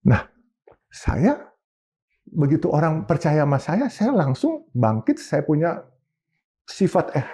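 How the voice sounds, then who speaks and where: A man's voice: on the high side, huge pitch swings, slow pace, long pauses, warm tone, husky. A man, a businessman guest, telling stories animatedly in an interview, slipping in English phrases. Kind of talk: interview storytelling.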